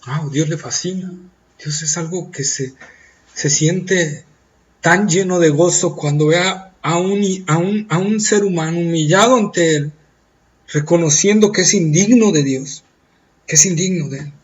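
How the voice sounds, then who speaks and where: A high-voiced man preaches with a Latin American Spanish accent. He acts out pleading believers, his voice leaping to loud cries and then dropping to near hushed softness. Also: unhurried, muffled recording. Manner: impassioned, swinging from loud pleading cries to soft hushed tones. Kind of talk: sermon.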